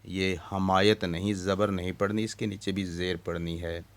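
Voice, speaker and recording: A man teaching an Urdu lesson to young children. He recites lines of a poem slowly and then explains the vowel marks one by one, with a Pakistani Urdu accent. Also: deep voice, level tone.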